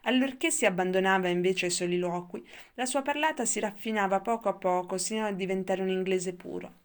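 A woman narrating a novel in a measured, steady audiobook reading. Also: mid-range voice. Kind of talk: scripted literary narration.

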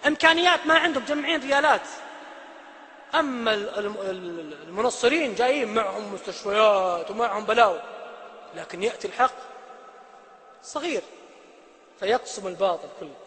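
A male preacher giving a sermon, swinging between loud emphasis and hushed quotes. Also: very high-pitched, a little hiss or hum. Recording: long hall reverb.

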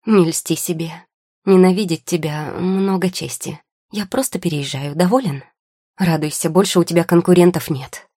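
A weary young potion-maker who snaps back with curt, sarcastic answers, as a woman reads her in an audiobook. The voice is low, dark and husky. It is recorded close and dry. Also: moderate pace, no room sound, lightly acted. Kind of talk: audiobook character voice.

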